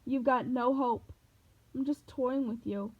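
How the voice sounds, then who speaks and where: A woman's voice: sits high, measured pace. A woman voicing a boastful, brutal male war god who taunts his young foe, read from a novel. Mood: taunting. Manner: taunting, swaggering. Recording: dull lo-fi recording.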